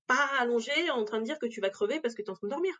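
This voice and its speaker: A woman's voice: fairly high pitch, expressive, rapid-fire, fairly bright tone. A woman giving a candid personal account in an interview, speaking directly and with emotion. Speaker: interview guest.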